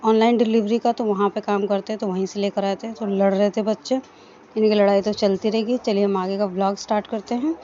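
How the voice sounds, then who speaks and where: A woman's voice: medium pitch, fairly even intonation, a little fast, warm tone, muffled recording, a little hiss or hum. A woman narrating her daily home vlog in a homely, talkative, rambling way. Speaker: daily vlogger. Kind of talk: casual chatty vlog narration. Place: family home.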